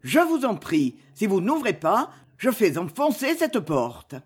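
A woman reading aloud, voicing a frail elderly marquis who speaks urgently and tenderly, in a husky voice. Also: mid-range voice, very animated, unhurried. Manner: urgent, pleading.

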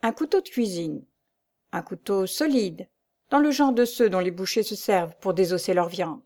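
Scheming charmer, coaxing and polite; a woman reads him in her own mellow voice. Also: mid-range voice, expressive, moderate pace, close to an everyday voice. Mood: smooth. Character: scheming middle-aged man, smooth and false.

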